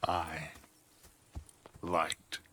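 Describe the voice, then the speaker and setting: An actor playing a proud, weary outlaw gang leader in a game, deliberate, grave and theatrical in delivery. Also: male voice, a bass voice, monotone, pushed and bright, a little hiss or hum, exaggerated voice. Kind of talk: dramatic video game acting.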